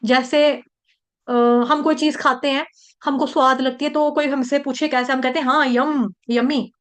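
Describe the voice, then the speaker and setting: A woman from India teaching the recitation of a verse, slowly breaking words into syllables and repeating each one many times. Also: high voice, level tone, a bit bright. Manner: chants verse lines slowly. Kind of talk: patient pronunciation lesson, syllable by syllable.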